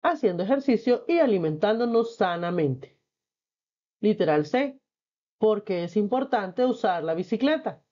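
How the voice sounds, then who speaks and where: A female teacher walks through textbook exercises in a patient, clear classroom manner, reading the questions aloud and answering them. Her voice sits at an ordinary pitch, and the recording sounds a little dull and muffled. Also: animated, a little slow, dark tone. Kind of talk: textbook lesson explanation.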